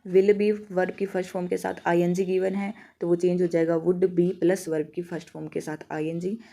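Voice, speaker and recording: A woman with a Haryanvi Hindi accent teaching an exam-prep grammar lesson. Her voice is mellow and sits slightly low. She poses questions and answers them herself, and she slows down to read out example sentences. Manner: reads example sentences slowly.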